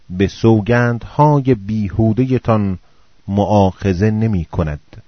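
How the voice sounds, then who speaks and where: Solemn low-voiced man reading scripture. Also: dry recording. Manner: slow, solemn recitation in short phrases. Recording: dull, muffled dry recording.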